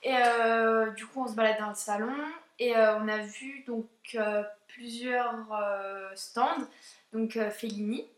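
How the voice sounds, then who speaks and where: A young woman talks through her shopping haul in a loose, chatty way, stopping often for fillers. Her voice sits a little high, and the room gives it a noticeable echo. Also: steady tone, takes it slowly. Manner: chatty, hesitant, many fillers. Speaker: vlogger. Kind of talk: casual haul video chat. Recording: echoey room.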